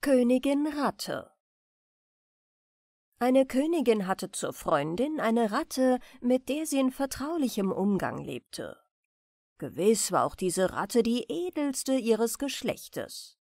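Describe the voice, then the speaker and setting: A woman reads a bedtime fairy tale slowly and calmly, her fairly high voice rising and falling with lively melody. The sound is close and dry, with no room around it. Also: dry recording. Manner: calm, gentle storytelling. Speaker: audiobook narrator.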